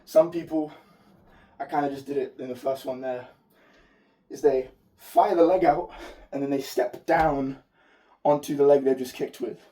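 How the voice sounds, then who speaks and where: A man who is losing his voice and sounds hoarse, giving an informal martial arts tutorial as an instructor demonstrating technique. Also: medium pitch, steady tone, normal speed, warm tone. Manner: informal, explanatory, occasional swearing. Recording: distant mic.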